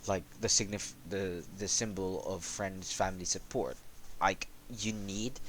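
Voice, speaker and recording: A man hosting a casual chat about developing a game, talking in a monotone with lots of halting fillers. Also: deep voice, a little hiss or hum.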